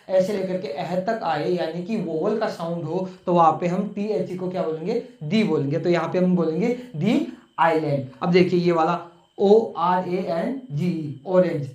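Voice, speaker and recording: A male English teacher online patiently walks viewers through a grammar rule, going over each point twice and posing rhetorical questions. His voice sits high, and the room is echoey.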